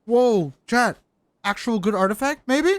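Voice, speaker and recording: A game live streamer chats casually while playing, jokey and exclamatory with plenty of swearing. His very high voice is animated and a little slow.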